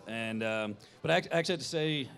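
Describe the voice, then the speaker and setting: A man's voice: medium pitch, fast, vocal fry, fairly bright tone. A man with a Philadelphia accent, talking casually as a guest in an informal conversation. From Philadelphia area, US. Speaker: guest, business co-owner. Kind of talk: casual chat.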